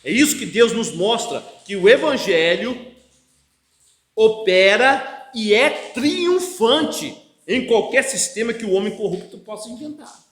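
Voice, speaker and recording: A Brazilian man preaches from the pulpit in a high, ringing voice. His Brazilian Portuguese accent carries through an echoey church hall. He presses his points hard and keeps asking his listeners for agreement. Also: lively intonation, a little slow. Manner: emphatic preaching with frequent call-and-response "amém?". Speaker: pastor. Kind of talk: expository sermon.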